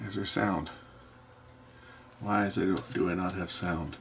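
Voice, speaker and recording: An electronics repairer hosting a repair video thinks aloud and mutters to himself while working in an indoor workshop, keeping the commentary casual and hands-on. His low voice is unhurried, with vocal fry. A faint, steady background noise is present.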